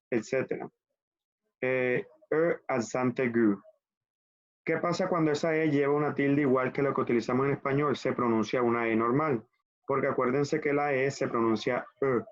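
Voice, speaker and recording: A man gives an online language class, explaining each point patiently and step by step. His voice sits at an everyday middle pitch. The audio is a little dull and lo-fi, like a basic computer mic. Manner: patient, explains step by step, spells letters out slowly. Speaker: French teacher.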